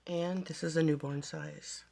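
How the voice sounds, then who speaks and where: A yarn crafting vlogger, hoarse from a bad cold with a raspy voice, chatting casually to viewers about finished projects. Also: medium pitch, steady tone, measured pace, a little mellow. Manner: chatty, meandering, talks to viewers directly. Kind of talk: casual show-and-tell vlog.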